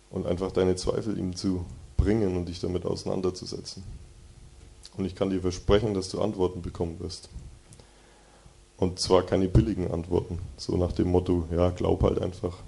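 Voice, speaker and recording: A man with a low, gravelly voice gives a sermon in a church hall. His tone is dark and mellow. He talks earnestly and conversationally, and he reads the Bible verses with more force. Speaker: preacher giving a devotion. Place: church hall with slide projection.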